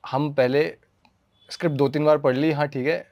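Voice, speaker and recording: Animated man telling stories on a talk show. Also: on the high side, normal speed, no echo, dull audio. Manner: animated storyteller, mixes in English. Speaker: actor and filmmaker. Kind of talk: casual conversation.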